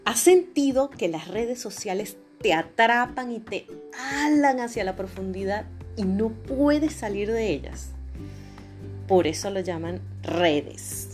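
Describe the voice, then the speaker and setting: A woman hosting a podcast, giving a casual reflective monologue in an expressive, emphatic way. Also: mid-range voice, takes it slowly. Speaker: podcast host. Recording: music behind the voice.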